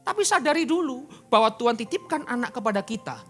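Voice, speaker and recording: A man preaching a sermon as pastor in a church. He swings between loud and quiet and fires rhetorical questions at the congregation. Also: very high voice, sing-song, quick pace, faint music behind.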